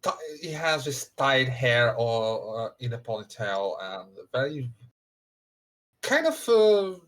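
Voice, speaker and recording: Halting male game master, medium pitch. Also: a bit bright. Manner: halting, searching for words. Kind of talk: improvised tabletop game narration.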